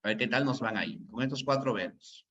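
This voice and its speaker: A man's voice: medium pitch, brisk, a bit bright. A male teacher giving a classroom grammar lesson, repeating his points and checking in with "¿no?" after them. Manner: repetitive, drilling points home, asks "¿no?" often. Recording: dull lo-fi classroom recording.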